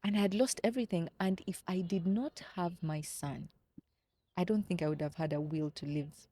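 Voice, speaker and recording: A woman's voice: fairly low pitch, normal speed, warm tone, slightly rough. Earnest, reflective woman in her thirties. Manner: earnest, reflective, repeats words as she searches for them. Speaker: podcast guest. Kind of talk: candid conversational storytelling.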